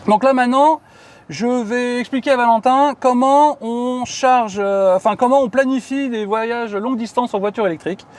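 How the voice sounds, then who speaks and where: A chatty man explains things to a colleague in an easygoing, filler-heavy way. His voice sits high for a man. He is recorded outdoors beside a car. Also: normal speed. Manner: chatty, many fillers, asks viewers questions. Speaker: channel host explaining electric cars. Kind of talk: casual explanatory chat.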